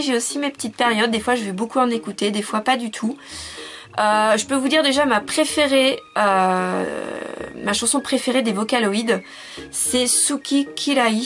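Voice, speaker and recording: A woman in her twenties chatting casually as she answers viewer questions in a video, with lots of fillers and quick self-corrections. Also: fairly high pitch, a bit bright. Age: 20s. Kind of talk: casual chat.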